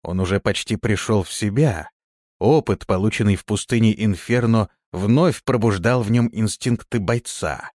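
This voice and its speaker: A man with a fairly low voice narrates an audiobook in an expressive, storytelling style at a moderate pace. The studio-quality recording has no room sound.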